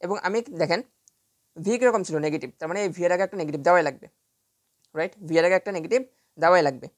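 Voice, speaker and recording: A woman's voice: lowish voice, very fast. A woman teaching a physics lesson in a casual way, repeating each step and checking often that students follow. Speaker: physics tutor. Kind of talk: online lecture working through a problem.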